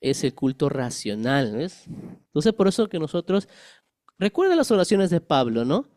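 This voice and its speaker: Middle-aged pastor guy, kinda high voice, teaching a bible study, keeps quizzing the crowd, dry close sound. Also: sing-song, normal speed, darkish tone, no echo. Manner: asks the congregation rhetorical questions; explains with homely everyday examples. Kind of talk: conversational Bible-study sermon.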